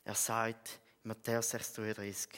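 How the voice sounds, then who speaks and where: A young man with a Swiss German accent giving an earnest church testimony, telling his story with soft chuckles and emphatic bursts. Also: on the low side, completely flat delivery, moderate pace, a little hiss or hum. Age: young adult. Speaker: speaker giving a personal testimony. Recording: long reverb of a large hall.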